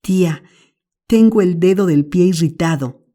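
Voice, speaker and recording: A woman's voice: fairly low pitch, unhurried, mellow, voice pushed up, natural voice. A woman voicing a mischievous boy who whimpers and pleads theatrically, in an audiobook. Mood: pleading. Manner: whimpering, melodramatic. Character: mischievous boy faking illness.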